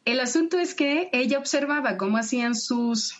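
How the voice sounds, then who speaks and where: A woman explains things on a podcast in an animated, laughing way. Her voice sits a bit high. The recording sounds dull and lo-fi. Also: normal speed, crowd noise. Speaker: guest sex educator. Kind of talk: podcast conversation.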